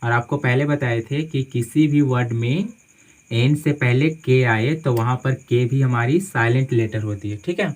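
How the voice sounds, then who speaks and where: Speaking a little slowly in a mid-range voice, a man runs a classroom-style English spelling lesson over poor audio. Each word gets spelled letter by letter, each phrase repeated, and most points end with a "theek hai" check.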